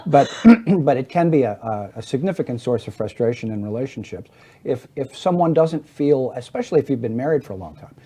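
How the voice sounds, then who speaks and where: A man's voice: mid-range voice, animated, brisk, dark tone, a little hiss or hum. A middle-aged man on a talk show explaining hearing to the hosts, teaching in a didactic way and acting out little everyday scenes. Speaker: hearing aid specialist guest.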